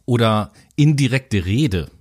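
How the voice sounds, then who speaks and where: A man with an average-pitched voice co-hosts a casual educational chat. He makes sarcastic, mocking remarks and crude jokes. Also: expressive, slow pace, a little mellow. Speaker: co-host.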